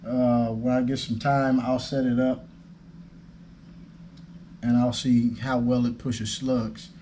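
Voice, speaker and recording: A man's voice: mid-range voice, level tone, slow pace, warm tone, slight background noise. A man, talking through an airgun review in an easygoing, folksy way. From United States. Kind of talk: casual product review.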